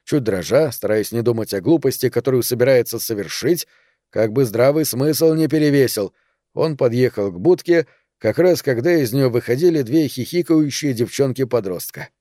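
Male audiobook narrator, mellow warm timbre, steady storytelling. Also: medium pitch, no room sound, studio quality. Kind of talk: scripted narration.

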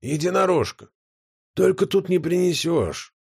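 A man's voice: high-pitched, expressive, a little slow, gravelly, slightly rough, voice pushed up, heavily acted. A man voicing a fat, smug guardian born of chaos who drawls and mocks in a theatrical way, in an audiobook. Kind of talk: audiobook character voice.

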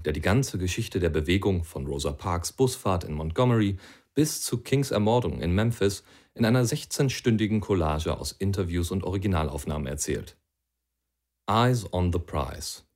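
A man's voice: sits low, a little mellow. A man reading an argumentative passage aloud in an earnest, persuasive way. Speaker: audiobook reader.

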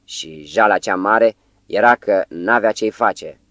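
A man narrating an audiobook with a steady, unhurried reading. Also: on the low side, no room sound. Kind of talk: scripted narration.

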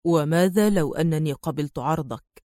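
A woman's voice: a little high, fairly quick, no room sound, studio quality, lightly acted. A woman doing a cold, stern male spy. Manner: stern, clipped and icy. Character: cold steely male secret agent. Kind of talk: audiobook character voice.

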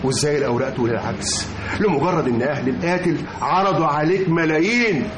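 A man's voice: a little high, fast talker, close to an everyday voice. An actor playing a grieving older father of a murdered son, accusing and sarcastic, with an Egyptian accent. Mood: bitter accusing. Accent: Egyptian Arabic. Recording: echoey old radio drama with hiss.

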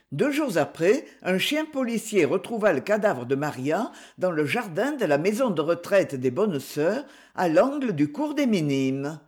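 Audiobook narration, steady measured delivery, animated pitch range, middle pitch. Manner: steady, measured literary reading. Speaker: audiobook reader. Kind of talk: scripted narration.

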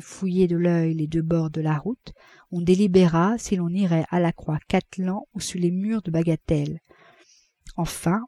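A woman reading a classic novel aloud as an audiobook, in a measured narrating voice. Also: no echo. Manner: measured, voices characters with raised pitch and loudness. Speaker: audiobook reader.

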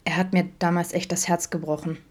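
A woman voicing Vincent, a grown man who chats openly and teases his friends, read in her own fairly low voice. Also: little pitch movement, fairly quick, natural voice. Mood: wistful. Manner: chatty, teasing. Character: adult man, camp cook, open and teasing.

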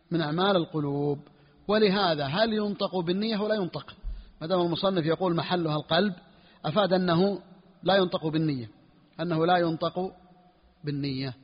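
Sheikh lecturing on jurisprudence: quick, husky male voice, repeats himself, dull recording in a reverberant hall. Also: fairly high pitch. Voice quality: husky, clears throat often. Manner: repeats phrases, asks students "clear or not?". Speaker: sheikh teaching Hanbali jurisprudence. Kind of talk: classroom lesson explaining a fiqh text.

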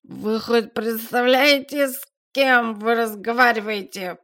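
A woman's voice: on the high side, fairly even intonation, slow pace, a bit bright, voice pushed up. A woman voicing a drunk, smug middle-aged man who holds an official post, in an audiobook. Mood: gloating. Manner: slurred, drawling.

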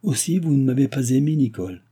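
A man's voice: medium pitch, animated, fast, warm tone, husky, voice pushed up. A man playing a cold, arrogant young man who lectures with disdain in a read-aloud novel. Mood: disdainful.

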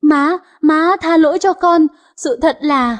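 A woman's voice: sits high, expressive, normal speed. A woman voicing a scheming young daughter-in-law, who stammers and pleads. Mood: pleading.

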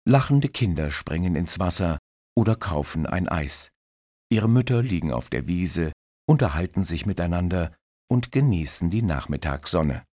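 A man reading a story aloud as narrator, in a clear, expressive way. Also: sits low, moderate pace, dry recording, studio quality. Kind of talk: scripted audiobook narration.

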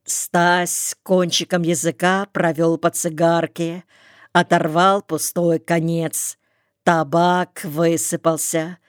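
A woman narrating an audiobook with a calm, measured reading, recorded in a studio. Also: fairly low pitch, clear, resonant tone, no echo. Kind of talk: scripted narration.

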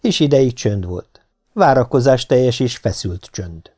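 In a medium-pitched voice, this male audiobook narrator works through a first-person adventure story with calm, even pacing.

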